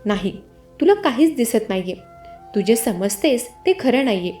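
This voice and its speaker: A woman's voice: on the high side, big pitch swings, moderate pace, reverberant, faint music behind. A woman voicing a firm, stern adult man who argues with his wife and comforts his young niece. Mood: calm, firm. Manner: firm, stern, then gently reassuring. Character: angry but caring husband and uncle, adult man.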